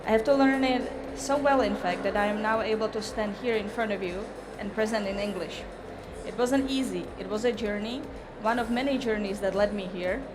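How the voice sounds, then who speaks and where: On stage at a noisy event venue, a native Czech speaker with a Czech accent gives a careful, rehearsed barista competition presentation. She speaks at medium pitch over music, in a measured and formal manner.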